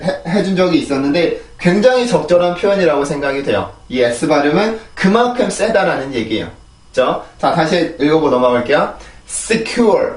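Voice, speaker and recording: High-voiced man teaching pronunciation. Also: reverberant, recorded from a distance. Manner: patient, explains step by step, repeats example words in drills. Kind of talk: explanatory lesson with repeated drills.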